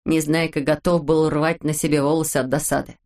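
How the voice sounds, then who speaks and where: A woman narrating a children's storybook chapter in a measured, expressive way. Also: low voice. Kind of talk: storybook reading.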